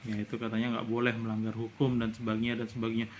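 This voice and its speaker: A man's voice: fairly low pitch, monotone, fast talker, slight background noise. A middle-aged man from Indonesia giving a casual commentary monologue, indignant and lecturing, his voice rising into outbursts. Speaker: vlogger.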